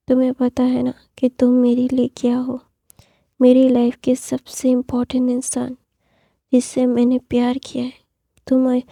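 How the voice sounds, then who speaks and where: A woman's voice: on the high side, creaky, dark tone, dry recording, clean studio sound. A woman voicing a lovesick young male emperor who pleads tearfully and repeats himself in a storybook reading.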